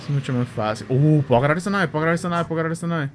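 A man chatting excitedly while playing a video game, with a Central American Spanish accent, making blaster sounds and joking. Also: a little high, very fast, background noise. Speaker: gameplay streamer. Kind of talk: casual let's-play commentary.

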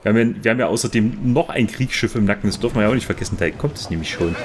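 A man's voice: lowish voice, very fast, noisy background. A man giving casual let's play commentary, grumbling and chatting with himself and his viewers.

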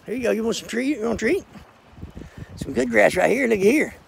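A man, throat rough from pollen, coaxing his goats outdoors in casual baby talk. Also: sits high, expressive, a little fast, a little hiss or hum. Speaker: goat keeper. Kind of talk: casual vlog. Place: outdoors in a front yard.

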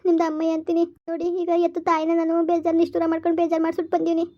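A woman playing a high-voiced young wife, pleading. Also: monotone, very fast, dark tone, highs cut off. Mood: hurt pleading. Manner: pleading, emotional. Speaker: [name]. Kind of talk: village vlog drama acting.

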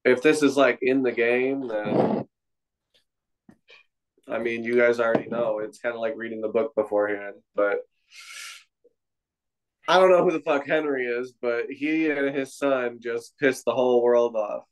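A man's voice: medium pitch, measured pace, long pauses, noisy background. Young man hosting a casual review chat. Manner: laid-back, joking, profane. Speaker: podcast host.

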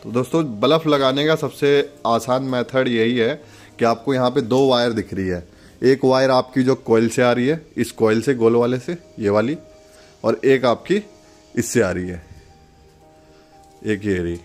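A channel host walks through a product step by step, casually pointing things out in an instructional way. His mid-range voice is unhurried and darkish in tone, with soft music in the background.

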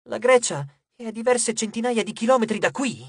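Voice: medium pitch, animated, fairly quick, husky, no room sound, clean studio sound, voice pushed up. A narrator voicing a grim, wary teenage boy who mutters in an audiobook. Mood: cupo.

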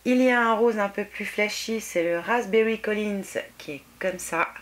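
A woman with a French accent chatting casually as she unboxes a gift parcel on her beauty vlog, exclaiming often and filling pauses with "euh". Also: mid-range voice, slight background noise. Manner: chatty, exclaiming, many fillers. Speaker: beauty vlogger.

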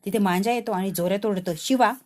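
A woman's voice: a little high, fairly quick, mellow. A woman narrating and reviewing a TV serial episode, retelling its plot step by step. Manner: narrating plot and acting out dialogue.

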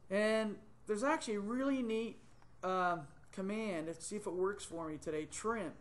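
In this screen-recorded software tutorial, a middle-aged man with a rather high voice works through a 3D modeling task, musing aloud, filling gaps with ums and fixing his own slips as he goes. A desktop mic records him in a small room, with his webcam shown in the screen's corner.

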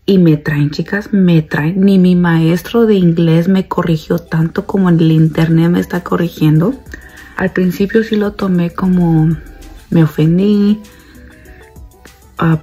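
A woman's voice: fairly low pitch, dark tone, breathy edge. A young woman vlogging casually to her viewers, chatty and repeating herself as she talks to them directly.

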